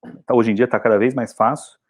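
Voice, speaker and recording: A man's voice: medium pitch, steady tone, fast talker. A Brazilian man, an English teacher, giving a chatty and encouraging video lesson.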